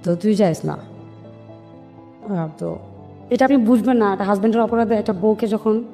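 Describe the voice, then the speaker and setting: Interviewed about her life, a woman with a Bangladeshi accent speaks at a moderate pace in a mellow, medium-pitched voice. She is emphatic and sincere, reenacting dialogue from memory, while music and long reverb fill the recording.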